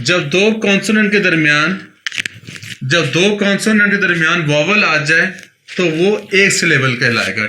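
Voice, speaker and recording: In an echoey room with a little noise in the background, this Pakistani Urdu-accented man gives an English grammar lesson. His voice sits high and sounds bright and forceful, and he patiently goes over points again while checking that students follow.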